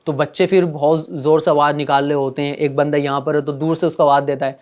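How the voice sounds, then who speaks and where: A man teaching a religious lesson to children, gently coaxing them with repeated questions. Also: a little high, little pitch movement.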